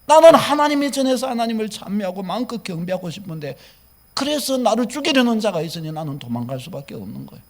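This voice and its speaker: A man's voice: high voice, fast. A male pastor with a Gyeongsang accent, preaching a sermon in a church and acting out people's laments. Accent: Gyeongsang Korean. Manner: animated preaching with acted-out laments. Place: church sanctuary.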